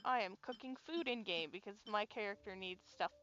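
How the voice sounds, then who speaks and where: A woman in her twenties chatting casually on a gaming stream, talkative and quick to laugh, filling her talk with "like". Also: medium pitch, muffled recording, over music. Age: 20s. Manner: chatty, laughs easily, lots of "like".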